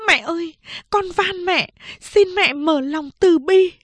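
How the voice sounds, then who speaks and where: A woman's voice: very high-pitched, steady tone, moderate pace, dry recording, clean studio sound, voice pushed up. A woman voicing a desperate young woman who tearfully begs her mother in an audiobook. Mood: tearful pleading. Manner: tearful, pleading.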